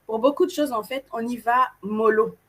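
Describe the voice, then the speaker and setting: Woman co-host from Cameroon, animated and playful with the crowd, slightly high pitch. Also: normal speed. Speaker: event co-host. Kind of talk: casual presenting to an audience.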